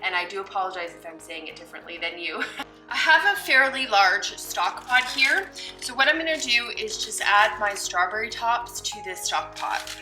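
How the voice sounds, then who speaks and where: A woman's voice: mid-range voice, lively intonation, moderate pace, pushed and bright, reverberant, soft background music, poor audio. A woman chatting casually in her home kitchen, explaining her cooking plans step by step and laughing lightly now and then. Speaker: homesteading cooking vlogger. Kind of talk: casual kitchen vlog narration.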